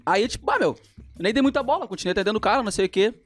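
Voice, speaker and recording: A man tells a story in a high, quick voice, full of slang and acted-out quotes. He co-hosts a casual podcast. Faint music runs under the talk. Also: animated. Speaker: podcast co-host.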